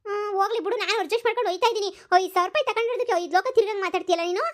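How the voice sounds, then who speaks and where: A woman's voice: very high voice, rapid-fire. Woman doing a whiny vain village college wife. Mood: mocking. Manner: whiny, sulking, sharp-tongued. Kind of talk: cartoon comedy voice acting.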